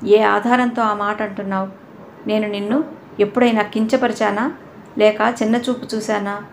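A woman's voice: medium pitch, steady tone, normal speed, slight background noise, natural voice. A woman reading an audio novel voices a proud, touchy young woman who answers back defensively. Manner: defensive, indignant.

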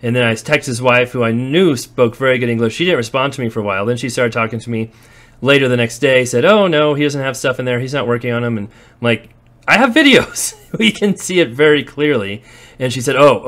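Narrating a walkthrough vlog, a male real estate investor and landlord strolls through vacant warehouses and outdoor spaces holding a phone camera. His mid-range voice has a fairly bright tone and a brisk pace. His manner is chatty and anecdotal, broken up by occasional laughter.

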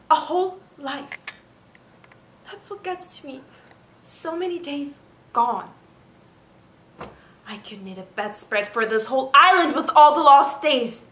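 Actress as anguished, high-voiced young woman, holding back tears. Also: fairly bright tone. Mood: bitter despair. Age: young adult. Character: frustrated, yearning young Cuban woman stuck at home. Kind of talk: dramatic stage monologue. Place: living room indoors. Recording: roomy echo, faint background noise.

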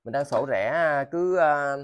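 A man with a southern Vietnamese accent giving a casual, rambling sales vlog, halting and often repeating his words. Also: on the high side, clean tone, no room sound. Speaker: seller of used motors and machine parts. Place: indoors in a cluttered tiled storeroom.

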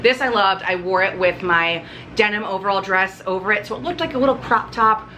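Chatty woman in her 30s rambling thru a haul vlog at home, bright voice, lots of um and like. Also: medium pitch, a little fast, slight background noise. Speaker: vlogger. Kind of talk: casual unpacking haul chat. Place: living room at home.

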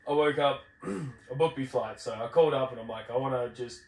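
A podcast host with an Australasian accent chats casually and tells travel anecdotes in a blokey, slangy, sweary style. His mid-range voice moves a little fast, and the recording sounds roomy, with a distant mic and faint background noise.

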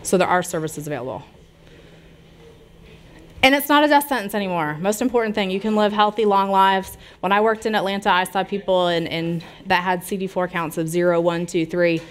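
Her mid-range voice moves a little fast as this middle-aged American woman talks conversationally about public health. Seated in a small brick-walled lounge, the audience puts questions to her while she gestures freely.

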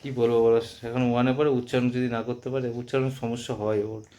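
A man's voice: mid-range voice, little pitch movement, a little fast, mellow. A man in his thirties chatting casually on a family vlog at home at night, patiently coaching his daughter's pronunciation and talking about his day. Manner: patient, drilling a child on pronunciation, chatty asides. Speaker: vlogger.

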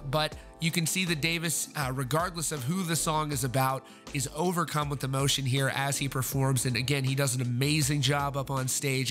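A man's voice: medium pitch, fairly bright tone. Earnest male rock news voice-over. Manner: earnest, with frequent fillers and restarts. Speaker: news host.

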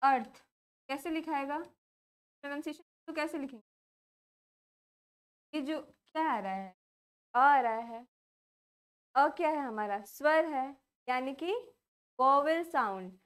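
A young woman with an Indian accent gives a grammar lesson in a high, clear voice, expressive and slow, with frequent pauses. She keeps putting questions to her class, answers them herself, and repeats every key point.

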